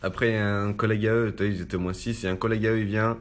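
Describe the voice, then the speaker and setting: In a lowish, level voice, a young man rattles off a casual testimony about a personal ordeal, talking fast in street slang and leaning constantly on "en gros."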